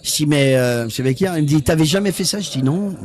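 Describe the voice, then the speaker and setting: A man's voice: on the high side, expressive, fast talker, crowd noise. A man, telling a long anecdote on stage at a live event. He acts out other people's lines and often repeats his words. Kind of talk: lively storytelling anecdote.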